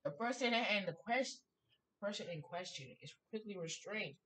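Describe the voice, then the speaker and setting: A woman narrating her own horror game playthrough, with a bright, sharp tone. She reads documents aloud haltingly, then jumps to loud startled cries. Her voice sits a little away from the mic. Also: mid-range voice, expressive, far from the mic, poor audio. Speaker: gaming streamer. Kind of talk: let's play commentary.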